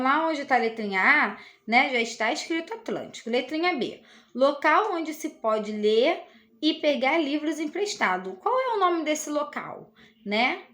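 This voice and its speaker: Teaching a children's lesson, a woman with a Brazilian Portuguese accent explains things slowly and patiently, adding many tag questions. Her voice sits high and is a bit bright.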